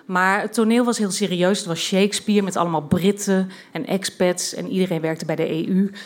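A woman from Twente tells a true story from her own life before a live audience. She talks in a chatty, halting way, filling her pauses with frequent hesitation sounds. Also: lowish voice, fairly even intonation. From Twente, Netherlands. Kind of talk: personal story told at a live storytelling event.

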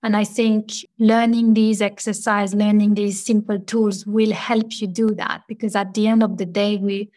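Female guest expert, reflective advice, halting searching phrases, average pitch. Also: level tone, a little mellow.

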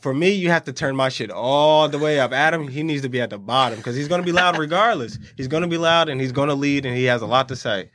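A man's voice: mid-range voice, quick pace, few pauses, dry recording. A man co-hosting a podcast round table, joking and laughing loosely with friends. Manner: laughing, animated, self-deprecating. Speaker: podcast co-host. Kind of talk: casual round-table banter.

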